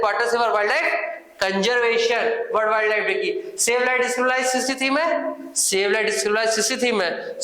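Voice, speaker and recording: A man's voice: very high-pitched, sharp tone, heavy reverb, low-quality recording. A man teaching a current affairs quiz lesson, repeating each answer and adding informal asides.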